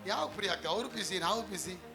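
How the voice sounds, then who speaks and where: A man's voice: sits high, a little fast, gravelly, music in the background. A male pastor preaching a live sermon, emphatic, often asking the congregation questions.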